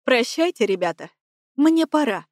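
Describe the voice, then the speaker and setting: A woman's voice: high-pitched, sing-song, a little mellow, no room sound, clean studio sound. A woman doing a smug, cynical young man. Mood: smug, mocking. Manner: mocking, unhurried drawl.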